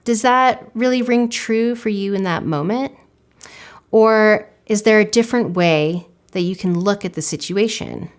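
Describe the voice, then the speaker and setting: A woman teaching an online climbing course, explaining mental blocks in a calm, reflective and encouraging way. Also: mid-range voice. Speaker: climbing coach. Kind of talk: instructional course narration.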